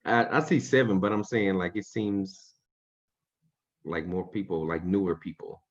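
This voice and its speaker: A man's voice: low-pitched, a little slow. A man co-hosting a casual live stream, teasing and wry in his remarks. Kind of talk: casual chat. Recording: slightly dull, lo-fi sound.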